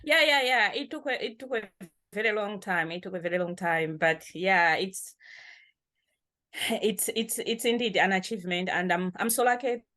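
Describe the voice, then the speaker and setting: A woman's voice: mid-range voice, animated, moderate pace. Malawian-born woman telling her story. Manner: warm, laughs often, repeats words while thinking. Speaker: poet and activist guest. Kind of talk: casual interview talk.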